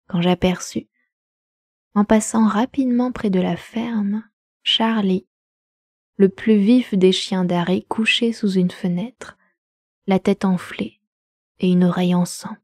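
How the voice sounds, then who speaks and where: A woman reading a novel aloud for a live homemade audiobook, slow, measured and expressive. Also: medium pitch, dry recording, studio quality. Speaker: audiobook reader.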